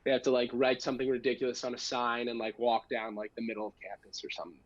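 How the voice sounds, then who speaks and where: A young American man chats as a podcast guest, spinning a casual story in slangy, self-deprecating style. His voice is mid-pitched and close, in a dry but slightly muffled recording. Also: little pitch movement, quick pace, no echo. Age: young adult. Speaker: guest, amateur stand-up comedian.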